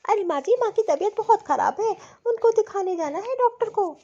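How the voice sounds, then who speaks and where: A woman's voice: very high-pitched, expressive, fairly quick, dark tone. A woman voicing an earnest, dutiful young daughter-in-law in a cartoon story. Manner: earnest, eager to please. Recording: dull lo-fi audio.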